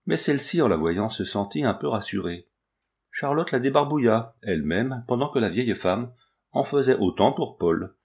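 A man narrating a classic children's story aloud in a measured, expressive reading. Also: lowish voice, gravelly. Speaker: audiobook reader.

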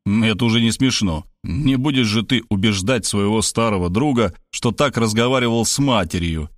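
A man voicing a flustered male old friend who mutters quickly and pleads, in an audiobook reading. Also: fairly low pitch, no echo, studio quality, lightly acted. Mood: chiding.

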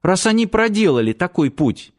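Guy doing a sulky headstrong teen girl, pitched way up high, storybook reading. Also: very animated, moderate pace. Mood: defiant. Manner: pouty, defiant, raised girlish voice. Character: stubborn fiery teenage girl, red-haired.

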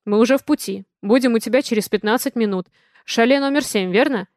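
A woman reading aloud, voicing a cheerful, bossy wealthy father in a brisk manner. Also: a little high, darkish tone, dry recording, clean studio sound, natural voice.

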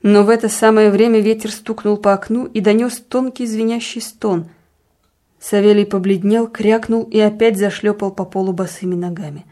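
A woman narrating a literary story in a measured, calm reading voice. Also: medium pitch. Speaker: audiobook reader.

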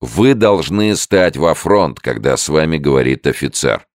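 A man voicing a stout, red-faced army lieutenant, quick to anger, who speaks loudly in a raised voice. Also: extremely low pitch, animated, no echo, clean studio sound, pitched above the performer's own voice. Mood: furious. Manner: forced kindness turning fierce.

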